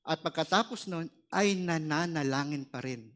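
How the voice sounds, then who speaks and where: Preacher guy giving a sermon, earnest, kinda high voice, gets loud on big words. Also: normal speed. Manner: earnest, asks the room for "Amen", rises sharply on key words.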